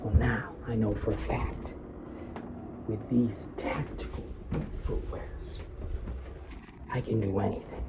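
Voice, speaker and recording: A man's voice: fairly low pitch, flat delivery, a little slow. A man in a comic character monologue as an FBI agent, rambling in a mock-serious way. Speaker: comedian playing an FBI agent. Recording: loud water noise behind.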